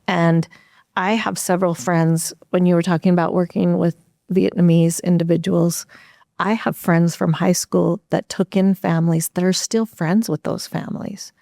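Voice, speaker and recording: An American woman who is executive director of a refugee nonprofit explains its work as a podcast guest, earnest and upbeat, with occasional restarts. Her fairly low, warm voice is level with vocal fry at normal speed, in a dry, studio-quality recording.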